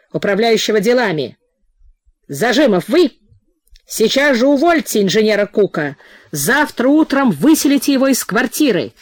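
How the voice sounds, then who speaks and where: A woman's voice: a little high, no room sound, studio quality, voice pushed up. A woman voicing a furious, coarse male mine owner who barks insults and orders. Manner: coarse, commanding.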